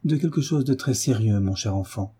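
A man reading a novel aloud, voicing a gentle mother who pleads tenderly but stays firm with her son. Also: fairly low pitch, animated, moderate pace, husky.

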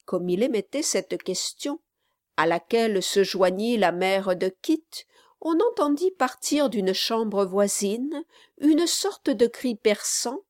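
A woman narrating a classic novel as an audiobook, with measured, even storytelling. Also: mid-range voice, no room sound, clean studio sound.

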